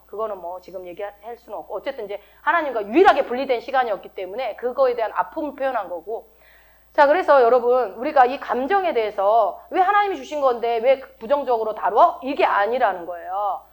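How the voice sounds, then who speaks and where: A middle-aged woman pastor giving a sermon in a conversational way, often asking her listeners questions. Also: on the high side. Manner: conversational, asks the congregation many questions.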